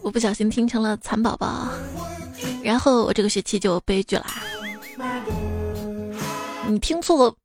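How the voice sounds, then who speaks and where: A woman with a slightly high voice casually hosts a comic listener-stories show, reading out listener comments with playful, informal asides. She speaks at a moderate pace with long pauses, and music plays behind her.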